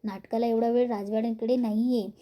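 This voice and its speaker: A woman's voice: a little high, little pitch movement, quick pace, warm tone, natural voice. Woman voicing a patient young daughter. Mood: reassuring.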